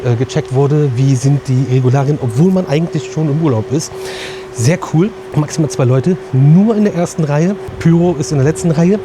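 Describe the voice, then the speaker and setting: A man's voice: medium pitch, noisy background. A man chatting casually and enthusiastically to viewers as a slangy vlog host. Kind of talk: casual vlog chat to camera.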